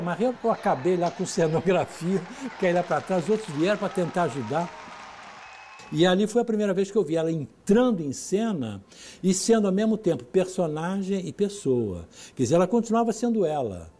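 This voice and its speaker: A theatre director, telling stories in an interview and acting out the voices of the people in them. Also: male voice, high voice, fairly quick, slight background noise. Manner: lively, acts out the voices of people in his stories, laughs mid-sentence. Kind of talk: storytelling in an interview.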